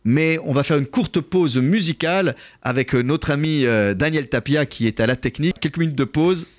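A man hosting a radio talk show, explaining scripture in a measured, thoughtful way with frequent hesitations. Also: on the high side, dry recording.

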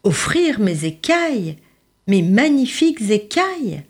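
A woman's voice: mid-range voice, very animated, measured pace, slightly rough, voice pushed up. A woman voicing a vain, proud fish who speaks in a haughty, indignant way in a storybook tale. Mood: refusing.

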